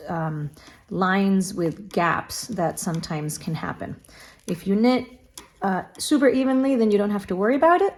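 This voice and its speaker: A woman's voice: mid-range voice, a little mellow. A woman giving a casual knitting tutorial, talking while she works and counting stitches under her breath.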